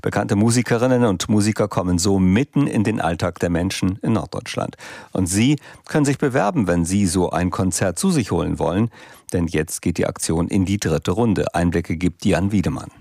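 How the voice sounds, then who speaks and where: Brief: male radio host, low and gravelly, dry booth sound. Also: moderate pace, darkish tone, no echo. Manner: crisp announcer delivery. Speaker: radio presenter. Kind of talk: scripted radio presenting.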